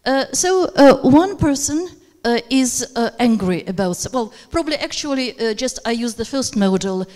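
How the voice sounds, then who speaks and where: In a seminar room, a teacher trainer with Russian as her first language gives a workshop lecture through a handheld microphone, with hall reverb audible. Her fairly high, darkish voice is animated and moves at a moderate pace with few pauses, though she speaks hesitantly and uses many fillers.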